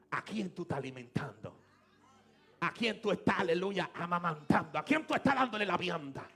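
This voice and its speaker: A Dominican man preaching a sermon, moving between hushed talk and loud shouted praise. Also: a little high. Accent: Dominican Spanish. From Dominican Republic. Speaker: pastor.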